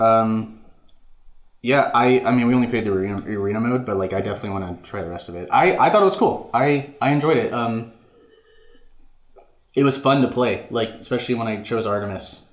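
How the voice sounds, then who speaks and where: A man's voice: mid-range voice, a little fast. A young man co-hosting a casual gaming podcast, speaking loosely with lots of "like" and "um". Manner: casual, filler-heavy, says "like" often. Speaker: podcast co-host. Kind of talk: casual chat. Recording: echoey room.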